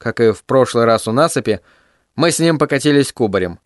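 A middle-aged man narrating an audiobook in a vivid, expressive storytelling manner. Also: mid-range voice, fairly quick, no room sound, studio quality.

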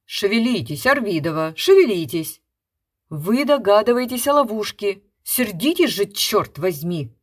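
Woman doing a brusque loud theater director. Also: on the low side, very animated, unhurried, no echo, studio quality. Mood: impatient. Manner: loud, barking orders. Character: impatient male theater director, demanding and brusque.

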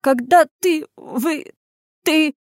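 A woman doing a panicky young tavern lad, shrill. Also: normal speed, no echo, clean studio sound, close to an everyday voice. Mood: terrified. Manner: frightened, stammering, yelling.

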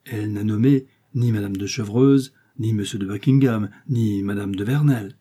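A man reading aloud and voicing a cold, commanding male stranger in a cloak, with sharp questions. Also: fairly low pitch, moderate pace, breathy edge. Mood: probing.

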